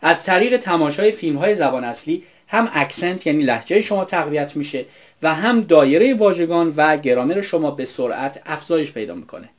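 A man from Iran narrating an English pronunciation lesson in a scripted, explanatory, upbeat way. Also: on the high side. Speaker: English teacher.

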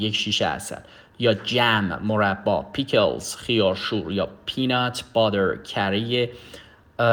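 Slow, careful male language teacher. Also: fairly low pitch, fairly bright tone. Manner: explains slowly, says English words deliberately and translates each one. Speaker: English teacher. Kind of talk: recorded language lesson.

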